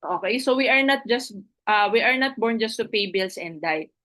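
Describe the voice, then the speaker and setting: A woman's voice: fairly high pitch, lively intonation, moderate pace, a bit bright. A woman giving a motivational network marketing presentation. She checks in with her listeners through frequent tag questions and switches between two languages mid-sentence. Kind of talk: motivational recruitment talk with a story.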